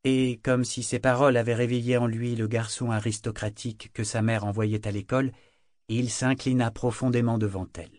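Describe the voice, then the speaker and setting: A man's voice: mid-range voice, level tone, a little mellow, no echo. Man narrating a novel, dry and close. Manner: measured, dramatic storytelling. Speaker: audiobook narrator. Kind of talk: scripted narration.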